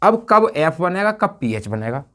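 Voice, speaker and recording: Male teacher, slightly high voice, drilling students with repeated questions. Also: very animated, unhurried, sharp tone. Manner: asks the class questions and answers them himself, repeats key words. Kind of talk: whiteboard grammar lesson.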